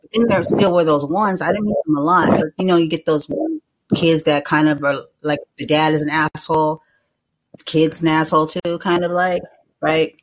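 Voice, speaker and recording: A man's voice: a little high, steady tone, moderate pace, low-quality recording. A young man hosting a live call-in podcast, talking loosely and rambling, with a lot of filler words and some swearing. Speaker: host.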